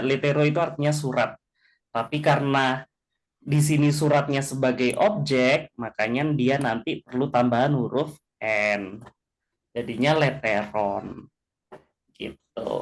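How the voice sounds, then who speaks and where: A man teaching a class in a casual way, often checking in with his listeners, slowing down to spell out example words and chuckling now and then. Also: mid-range voice. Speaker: language teacher. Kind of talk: casual explanatory class talk.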